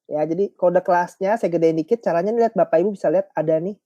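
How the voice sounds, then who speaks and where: A man's voice: high voice, quick pace, dark tone, no room sound, muffled recording. A man training teachers in an online webinar, chatty and joking as he walks the audience through each step.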